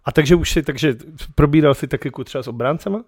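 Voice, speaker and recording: Gravelly-voiced man bantering. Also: fairly high pitch, a little mellow, no echo, clean studio sound. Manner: banter, tells anecdotes, swears often. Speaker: podcast co-host. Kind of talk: casual chat.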